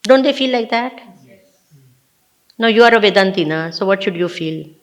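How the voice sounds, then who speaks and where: A woman giving a spiritual discourse to an audience, animated and exclamatory, switching between English and Hindi. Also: mid-range voice, normal speed. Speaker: spiritual teacher.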